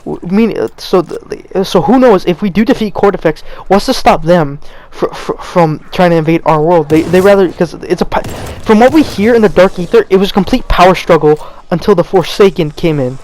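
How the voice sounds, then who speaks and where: A man's voice: high-pitched, a little fast, hardly any pauses, darkish tone. A young man giving a rambling, unscripted rant as a gaming channel host, stammering and restarting as he talks while feeling cold. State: cold, stuttering. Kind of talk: unscripted gameplay commentary rant.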